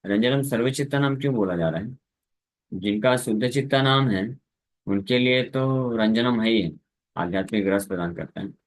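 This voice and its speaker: A man preaching a scripture lecture, explaining Sanskrit verses in Hindi with English words mixed in and sometimes singing the verses. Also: fairly low pitch. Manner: sings verses slowly between spoken explanation.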